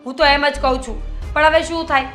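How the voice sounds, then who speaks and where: Here a cold, sharp-tongued young daughter-in-law in a film drama. Her very high voice stays curt and sarcastic as she brushes off every complaint. The room around her sounds echoey. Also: steady tone, brisk, soft background music. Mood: dismissive.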